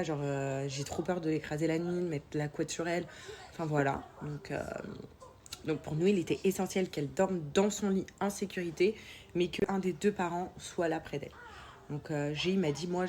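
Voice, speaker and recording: A young mother with a low, darkish, congested voice chats to her followers about family life, with a little hiss or hum in the audio. She sounds nasal and sore-throated as she comes down with a cold, and her talk is informal, colloquial, and hesitant.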